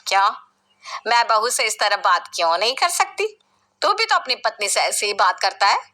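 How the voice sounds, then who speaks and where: A woman's voice: mid-range voice, big pitch swings, normal speed, pushed and bright. A woman voicing a harsh, scornful middle-aged mother-in-law who scolds and commands in a story narration. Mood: reproachful.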